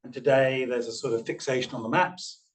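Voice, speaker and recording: This man, a panel speaker from the artist's studio, sits far from the mic and talks fairly quickly with little pitch movement in his medium voice. His discussion remarks come out haltingly, full of restarts and ums.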